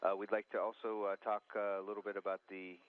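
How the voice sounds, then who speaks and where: A man working as a capsule communicator, making halting radio calls to spacewalkers, with many pauses and fillers. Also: fairly low pitch, flat delivery, clear, resonant tone. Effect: narrow radio link. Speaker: mission control capsule communicator. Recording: tinny radio loop audio.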